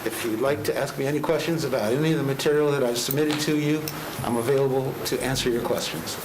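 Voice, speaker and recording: A man in his sixties speaks through a face mask, giving measured, formal testimony at a public hearing. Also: mid-range voice, fairly even intonation. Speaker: retired land planner addressing a county commission. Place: indoor public meeting chamber. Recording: echoey meeting room with clear background noise.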